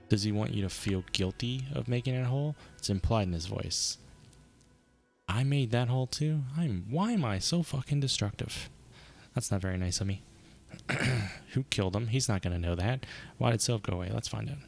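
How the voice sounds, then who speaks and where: Man, streamer, low gravelly voice, reading game lines aloud, sarcastic comments. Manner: reads game dialogue aloud and reacts with sarcastic asides.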